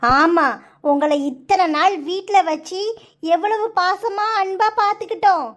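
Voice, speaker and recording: Indignant cartoon village mother voiced by a woman; very high, reproachful, southern Tamil Nadu accent. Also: a little slow, a bit bright. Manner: reproachful, scolding.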